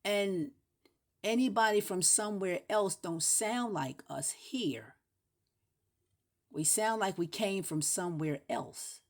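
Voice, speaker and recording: A woman talking in a casual, rambling monologue, repeating words over and over for emphasis and jumping between shouting and near-whispers. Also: mid-range voice, takes it slowly. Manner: breaks into playful shouts and drops to a whisper.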